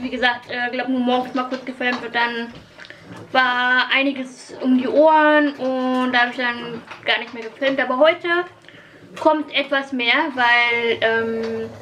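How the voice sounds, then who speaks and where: A woman's voice: high-pitched, fairly even intonation, a little slow, sharp tone. A woman in her thirties chatting casually to the camera as a vlogger in her home kitchen. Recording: noisy home camera recording.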